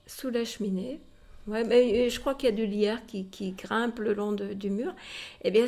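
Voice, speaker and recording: This female museum guide has a medium-pitched, somewhat dark voice. She tells history informally, explaining directly to her listener and using rhetorical tags as she goes.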